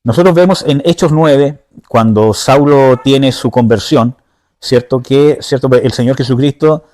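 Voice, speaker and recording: A man's voice: medium pitch, a little slow, darkish tone. A man giving an informal teaching sermon, often checking in with his listeners and searching aloud for words. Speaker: preacher.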